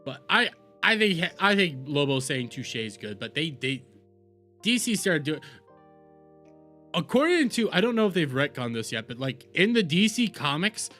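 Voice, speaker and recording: A streamer reacting to videos rambles through casual live commentary, repeating himself and swearing freely. His voice is a little high and sing-song, pushed and bright, at a moderate pace, with faint music underneath.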